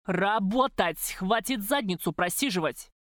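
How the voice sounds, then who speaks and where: Brief: threatening gangster man, gruff and low-set, read by a woman. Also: moderate pace, no room sound, clean studio sound, close to an everyday voice. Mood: menacing. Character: menacing male crime boss, coarse and cruel.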